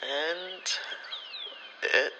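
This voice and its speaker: For his ASMR vlog, a spirituality content creator tells casual, meandering personal stories in frank, slangy, sweary language. His fairly high voice is bright and forceful, with drawn-out words, and the lo-fi recording carries a little hiss or hum.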